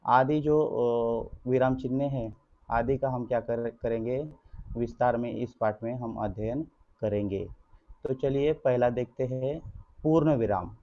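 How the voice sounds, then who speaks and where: A man teaching an online grammar lesson to schoolchildren, his voice sitting at an ordinary middle pitch. He speaks in a patient, explanatory way, constantly asking rhetorical questions and answering them himself. The recording is dull and lo-fi. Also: measured pace. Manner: addresses pupils as children, patient and explanatory.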